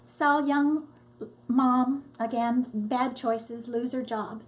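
An older woman, a disaster relief volunteer, telling her story in a lively, casual way and acting out what people said. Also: fairly high pitch, drawn-out words. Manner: lively storyteller, acts out quotes. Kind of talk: casual testimony.

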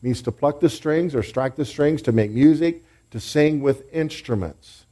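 In a church sermon, a male pastor teaches his congregation and leads them in call-and-response and group praise. His voice is fairly high and mellow, and he speaks unhurriedly.

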